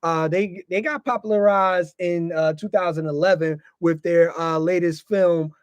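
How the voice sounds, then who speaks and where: With a high-pitched, clear, resonant voice and fairly even intonation, this American man hosts a podcast at normal speed. He's informal and repetitive, frequently ending phrases with "you know". The recording is dry.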